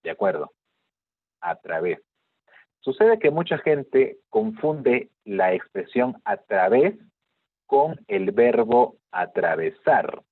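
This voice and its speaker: A male teacher lectures an online class over a video call, his fairly low voice very animated yet slow. He explains patiently and checks in often with "¿de acuerdo?". The audio is narrow and tinny, with no echo.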